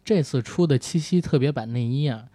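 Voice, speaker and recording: A man with a mid-pitched voice talks casually as a podcast co-host. He is teasing and colloquial, and the sound is dry and close. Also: fairly quick, warm tone, no room sound. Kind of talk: casual comic banter and sales pitch.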